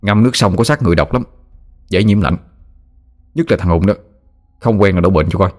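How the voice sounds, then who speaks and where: A man's voice: low voice, fairly quick, close to an everyday voice. A man voicing a brusque, practical young boatman in a storytelling. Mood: dismissive. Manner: blunt, bossy.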